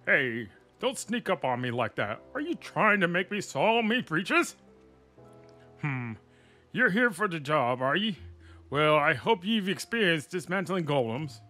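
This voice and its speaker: Brief: man doing a high, animated, blustery merchant boss, old-timey folksy talk. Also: full character voice. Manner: folksy archaic speech, calls people lass.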